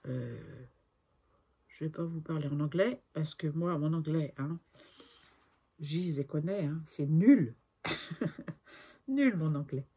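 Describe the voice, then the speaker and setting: A woman's voice: deep voice, animated, slow pace, long pauses, warm tone, husky. A woman in her sixties chatting through a crafting tutorial, talking to herself as she works and often trailing off to a murmur. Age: 60s. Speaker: crafting video maker.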